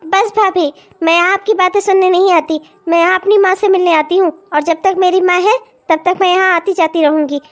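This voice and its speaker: An elder married daughter in a cartoon, brushing off her sister-in-law with curt, defensive replies. The voice sits very high. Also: steady tone, brisk, few pauses. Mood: defiant. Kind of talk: cartoon comedy voice acting.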